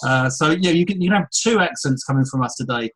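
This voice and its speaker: A man from England with an English accent, hosting a live webinar and chattily reading out attendees' names with quick asides. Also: on the high side, lively intonation, fairly bright tone, husky, rough recording. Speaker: webinar host. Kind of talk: casual live webinar welcome. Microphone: headphones with mic.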